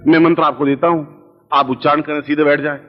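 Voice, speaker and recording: A man with a fairly high voice gives a spiritual discourse as a guru. He dictates a mantra slowly, syllable by syllable, and chants the syllables aloud. The recording is dull and lo-fi, with a long reverb trailing off in a large hall. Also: steady tone. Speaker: guru leading a mantra practice.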